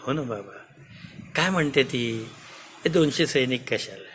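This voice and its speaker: A man storyteller voicing the king's younger daughter, who placates her father softly but will not give way. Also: medium pitch, lively intonation, a little slow, a little hiss or hum. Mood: placating. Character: soothing but unyielding younger daughter of the king.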